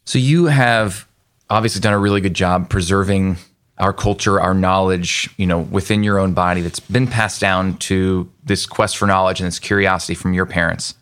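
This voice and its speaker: A male interview host with a nasal voice that sits somewhat low. He asks curious, friendly questions and narrates his own voice-over between clips. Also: steady tone, moderate pace, fairly bright tone, clear, resonant tone.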